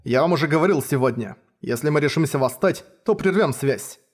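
A man voicing a calm, resolute man who speaks plainly and directly. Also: on the high side, brisk.

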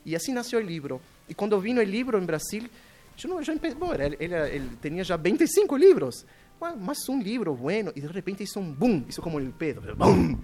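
Animated, halting male storyteller. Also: high-pitched. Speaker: guest children's book author. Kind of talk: radio interview storytelling. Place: radio studio.

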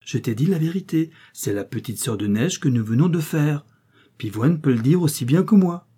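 A man's voice: fairly high pitch, expressive, moderate pace, dark tone, husky, pitched above the performer's own voice. A man reading aloud, voicing an earnest little girl who pleads and insists, in a raised voice. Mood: pleading. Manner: pleading, emphatic.

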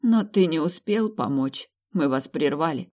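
A woman's voice: sits low, expressive, measured pace, a little mellow. A woman voicing a hurt, bitter pregnant young wife in an audiobook story reading.

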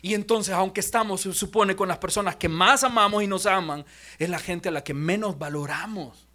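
Young male pastor, high-pitched, lively sermon delivery with acted-out asides and hushed prayer moments. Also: moderate pace. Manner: animated preaching, acts out quoted voices, drops to near-whispers in prayer.

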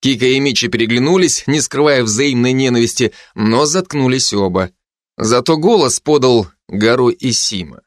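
Guy reading a fantasy audiobook, steady clipped voice, dry close mic. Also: medium pitch, normal speed, no room sound. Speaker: audiobook narrator.

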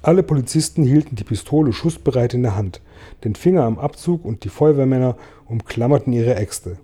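A man reading a children's story aloud with lively, expressive narration. His voice is very dark and mellow, and his pitch sits in the middle range. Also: a little fast, slightly rough. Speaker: audiobook reader.

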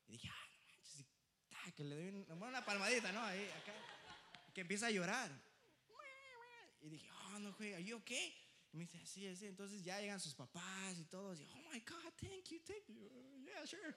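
A young man preaching, telling a personal story in a lively, joking way, often laughing and slipping into English phrases. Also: sits high, noisy background. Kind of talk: storytelling sermon.

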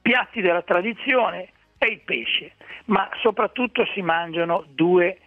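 A man speaks over a tinny, phone-like line, his voice sitting a little high for a man. He talks in a chatty, explanatory way, restarting phrases as he goes. The sound is dry and close, with no room around it. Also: a little slow, no room sound, faint music behind. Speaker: food guest on a radio show. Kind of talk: phone-in radio chat giving restaurant tips.

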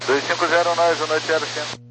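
A fairly high-voiced man speaks as a pilot over a crackly radio like a military channel. His readbacks are clipped and procedural, with clear static and hum around them. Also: level tone, quick pace. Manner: terse, procedural phraseology. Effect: crackly aviation radio transmission.

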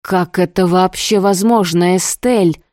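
A woman's voice: fairly low pitch, a little mellow, no room sound, studio quality, natural voice. A woman doing a furious protective older brother. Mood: harsh questioning. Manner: harsh, slow, through gritted teeth. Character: angry young man, protective older brother. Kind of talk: audiobook dialogue.

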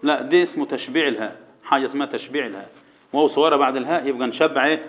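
A man with an Egyptian accent teaching Quran recitation to boys, quizzing them and chanting verses slowly for them to repeat. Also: medium pitch, lo-fi sound. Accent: Egyptian Arabic. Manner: drills students with questions, chants verses slowly. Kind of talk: tajweed lesson to boys.

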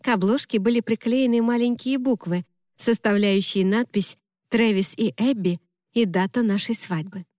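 A woman narrating a novel in the first person, in steady, even storytelling. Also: fairly high pitch, moderate pace, dry recording, studio quality. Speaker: audiobook narrator.

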